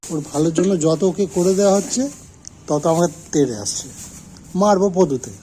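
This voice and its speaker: A man's voice: high-pitched, normal speed, dark tone, a little hiss or hum. A man in casual talk, speaking to his pet rabbit while tidying its straw bed, scolding it with mock anger and teasing it. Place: rabbit enclosure with straw bedding.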